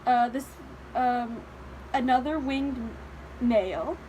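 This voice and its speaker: A woman's voice: fairly high pitch, slow pace, slight background noise, low-quality recording. A young woman reacting to a book on her vlog, emotional and close to crying, swearing and stumbling over her words. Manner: excited, swearing, stumbling, near tears. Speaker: book vlogger.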